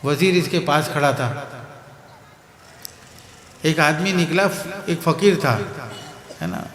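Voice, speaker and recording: A man's voice: on the high side, lively intonation, a bit bright, echoey room, in a large hall, a little hiss or hum. A Pakistani man with a Pakistani Urdu accent giving a sermon at a religious gathering, telling parables, repeating key phrases and checking whether the crowd understands. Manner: keeps asking the crowd if they understand. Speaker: guest preacher.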